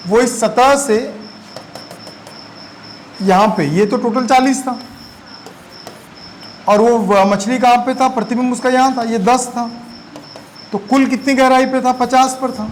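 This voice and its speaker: High-voiced man teaching physics. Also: fairly even intonation, measured pace, long pauses, slight background noise, poor audio. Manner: chatty, quizzing students often. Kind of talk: classroom lecture. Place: classroom.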